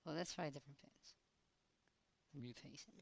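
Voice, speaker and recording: A man testing a voice changer that lowers his voice while reading a philosophy text in halting bits. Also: creaky, highs cut off. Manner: halting, trying out the effect. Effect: voice changer shifting his voice low.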